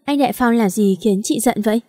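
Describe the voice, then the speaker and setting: A woman voicing an impulsive, chatty young woman who talks in an emotional, rapid, complaining way. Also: fairly high pitch, dark tone, dry recording, clean studio sound, lightly acted.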